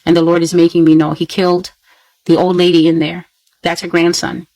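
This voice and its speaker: A woman's voice: lowish voice, monotone, a little fast, warm tone, no echo, low-quality recording. A woman earnestly recounting a prophetic dream, telling it in a repetitive, storytelling way.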